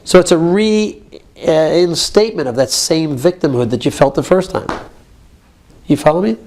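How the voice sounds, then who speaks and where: A man with a rather high voice leads a support group in a coaching tone. He is directive and keeps checking that his listener follows. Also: expressive, moderate pace, darkish tone. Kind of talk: therapeutic coaching.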